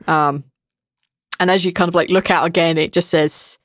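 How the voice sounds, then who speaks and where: A woman's voice: lowish voice, steady tone, moderate pace, a little hiss or hum. A woman acting as game master, improvising narration for a tabletop game in an informal, conversational way.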